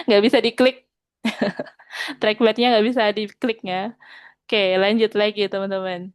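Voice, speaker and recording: A woman's voice: medium pitch, steady tone, clear, resonant tone, no room sound. Patient woman teaching a coding class. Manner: patient, repeats "teman-teman ya", slows for code. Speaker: programming teacher. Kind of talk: online coding lesson.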